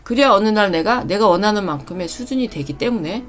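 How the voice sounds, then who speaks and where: A woman giving a calm, measured spiritual talk, explaining step by step and posing rhetorical questions to her listeners. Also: medium pitch, soft background music. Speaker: channel host reading her own spiritual essays.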